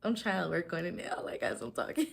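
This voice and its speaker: Woman in her twenties, slightly low voice, casual vlogger who talks fast and rambles with lots of fillers. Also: sing-song, creaky, a little hiss or hum. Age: 20s. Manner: fast rambling talk, stumbles over words; many "like" fillers. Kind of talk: casual chat to camera.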